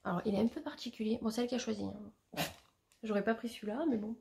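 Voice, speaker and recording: Young woman vlogger rambling about gifts, lots of euh, bit of vocal fry. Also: mid-range voice, fairly even intonation, fast, a little mellow. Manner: chatty, many fillers and restarts. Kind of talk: casual show-and-tell chat.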